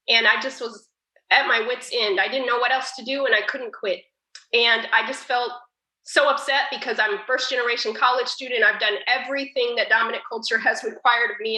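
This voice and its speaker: A woman's voice: on the high side, sharp tone, reverberant, poor audio. A woman giving an earnest, emotional personal account as a guest speaker on a panel. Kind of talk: personal testimony in a panel talk.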